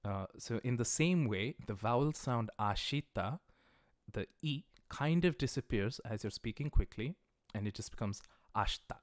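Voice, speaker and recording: This studio-quality clip, free of room sound, features an animated man at medium pitch, a native English speaker teaching Japanese live. He breaks patterns down patiently, step by step, voicing viewer questions as he goes and slowing to articulate Japanese terms carefully.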